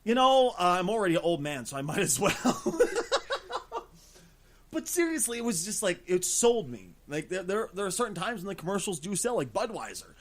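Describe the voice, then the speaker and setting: A man hosting a casual gaming podcast, talking in an excitable, rambling, profane way. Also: sits high, fast, hardly any pauses. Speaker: podcast host.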